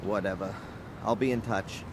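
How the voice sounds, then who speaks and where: A man's voice: fairly low pitch, fairly even intonation, moderate pace, slight background noise, close to an everyday voice. A man voicing a sullen, sceptical suspect who is a video game's protagonist, dry and sardonic. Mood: determined, sullen. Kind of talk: video game voice acting.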